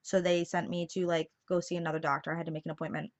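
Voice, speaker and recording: A young woman vlogger casually telling a personal story in a chatty, animated way, full of fillers. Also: lowish voice, very fast. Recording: dull lo-fi sound.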